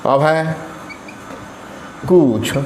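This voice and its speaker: A man teaching grammar in Hindi, slowly repeating and spelling out each example word. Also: fairly high pitch, animated, darkish tone. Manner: slow, repeats and spells out words, stretches examples. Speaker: English teacher. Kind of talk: grammar lesson. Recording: echoey room with faint ambient noise.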